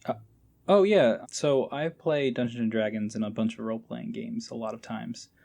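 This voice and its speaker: This podcast guest, an amateur voice actor, has a mid-range, creaky, darkish voice and speaks at a moderate pace. His casual interview chat is informal, a bit hesitant, and enthusiastic.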